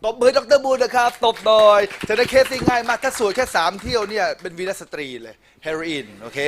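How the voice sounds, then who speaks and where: A middle-aged man who teaches English, running a lively score review with a student in front of a class. He teases, praises and calls for applause while slipping between Thai and English, his voice sitting a little high. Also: a little hiss or hum. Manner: animated, teasing, praising, addresses audience.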